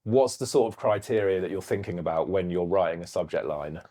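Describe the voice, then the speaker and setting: Man with a lowish, measured voice. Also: dark tone. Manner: measured, explains points step by step. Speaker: podcast co-host. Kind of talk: casual podcast chat.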